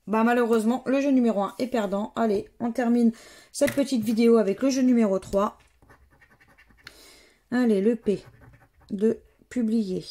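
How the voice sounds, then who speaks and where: As she works through lottery tickets, a French-accented vlogger reads out every letter in a slow, casual murmur. Her voice is warm and sits on the high side.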